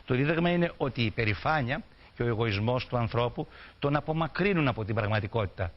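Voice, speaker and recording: A man's voice: mid-range voice, lively intonation. A man giving an explanatory lecture on folk songs, reciting dialect verses and then explaining them plainly. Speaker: folklore lecturer. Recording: dull lo-fi recording.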